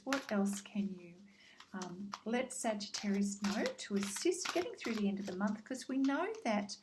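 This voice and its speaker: A woman doing a casual spoken tarot card reading, gentle and reassuring, with frequent ums as she speaks straight to the listener. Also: medium pitch, background noise. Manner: addresses the listener directly by star sign.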